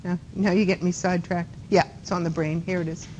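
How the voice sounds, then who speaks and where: A woman's voice: lowish voice, little pitch movement, fairly quick, darkish tone, highs cut off, a little hiss or hum. A woman with a Boston accent giving a classroom anatomy lecture, chatty and often checking in with students by asking them questions. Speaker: anatomy instructor.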